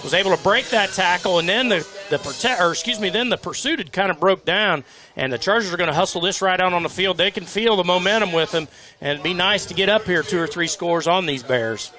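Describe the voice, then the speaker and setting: A man giving color commentary on a high school football game in a folksy, chatty way with homespun sayings. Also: brisk, pushed and bright. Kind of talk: live sports commentary.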